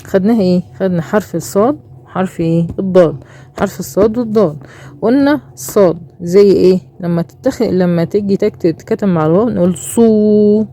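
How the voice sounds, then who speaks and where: A woman's voice: on the low side, quick pace, mellow. A woman with an Egyptian Arabic accent teaching a children's reading lesson, asking questions and answering them herself, stretching out sounds.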